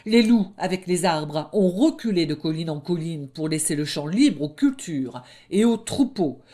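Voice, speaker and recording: A woman's voice: lowish voice, animated, a little slow, warm tone. A woman voicing a bold, cheeky young male lamb who speaks defiantly and mockingly, in a storybook reading.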